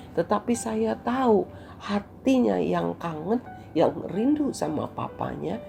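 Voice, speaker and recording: A woman who used to teach gives a children's daily devotional talk, gently telling a story. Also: fairly low pitch, creaky. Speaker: devotional speaker and former teacher.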